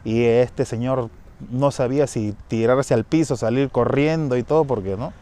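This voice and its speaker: A man's voice: medium pitch, moderate pace, mellow. A man with a Peruvian Spanish accent casually recounting a family ghost story, rambling with restarts and tag questions. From Peru. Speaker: storyteller sharing a personal experience. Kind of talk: casual spoken anecdote.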